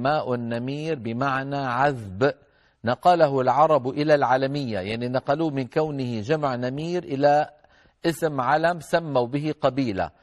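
A man teaching Quran recitation rules in a broadcast lesson with call-ins. He explains patiently, stretches example words out slowly and chants verses of a teaching poem. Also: medium pitch.

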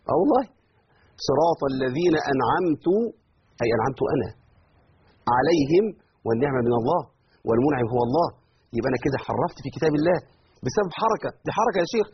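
Fast-talking Egyptian man teaching recitation. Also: a little high. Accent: Egyptian Arabic. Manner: animated, rising sharply on his examples. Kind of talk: religious lesson. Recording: dull lo-fi recording, faint noise.

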